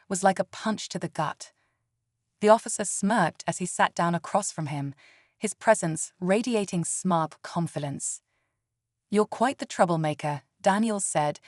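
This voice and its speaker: A woman reading a dramatic story in a measured scripted narration. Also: on the low side, no echo, clean studio sound.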